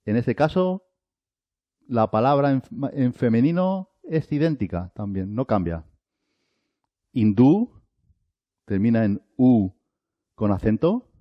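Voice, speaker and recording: Guy teaching spanish real slow, voice swings up and down a lot, dull dry lo-fi sound. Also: medium pitch, animated, no room sound. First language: Arabic. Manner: drills single words with long pauses between. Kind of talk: slow, deliberate language lesson.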